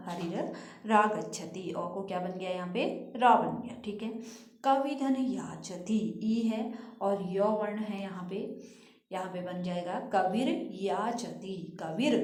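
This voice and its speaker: Female teacher, middle pitch, slow and patient, asks and answers her own questions, echoey room. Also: fairly even intonation, a little mellow. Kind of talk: Sanskrit grammar lesson.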